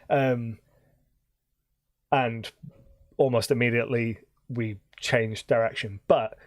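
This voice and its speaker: A man casually chatting on a live stream as game master, rambling with frequent pauses. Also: mid-range voice, no room sound. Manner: rambling, many ums and restarts.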